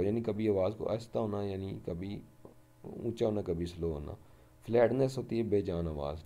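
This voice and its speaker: A man teaching a vocabulary lesson, explaining each word slowly, repeating "ٹھیک ہے" and reading English example sentences slowly. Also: on the low side, dark tone. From Pakistan. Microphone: voice-over over a screen recording.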